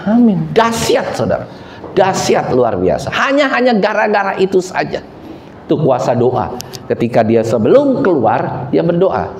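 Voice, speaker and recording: A middle-aged man preaching a sermon, telling stories animatedly and speaking directly to his congregation. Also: slight background noise. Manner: animated storytelling, voices quotes higher. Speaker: pastor. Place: church hall. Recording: echoey church hall, slightly dull sound.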